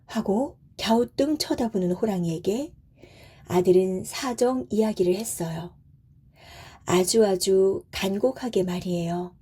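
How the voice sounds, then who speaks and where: Soft, slow bedtime storyteller woman. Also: mid-range voice, slightly rough. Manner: soft, soothing, gentle.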